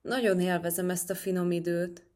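A young tomcat from a children's storybook, easily riled and quick to take offence, as a woman puts him on. The voice is on the low side. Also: level tone, darkish tone, close to an everyday voice. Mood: easy. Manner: quick to anger. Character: touchy young male tomcat.

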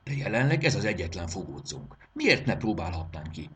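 A man voicing an eager, easily startled young boy in a storybook reading, with a husky voice. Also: low voice, very animated, fairly bright tone, recorded from a distance, exaggerated voice.

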